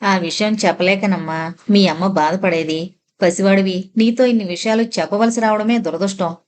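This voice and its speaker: A woman's voice: medium pitch, fairly even intonation, normal speed, a little hiss or hum, natural voice. A woman narrator voicing a kind adult man who explains things patiently and soothingly. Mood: consoling.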